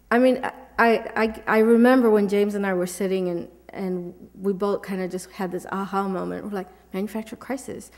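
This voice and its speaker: Woman panelist, excited and chatty, normal pitch, big echoey hall. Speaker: panelist and grassroots organizer. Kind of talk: panel answer, casual speech. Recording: reverberant hall.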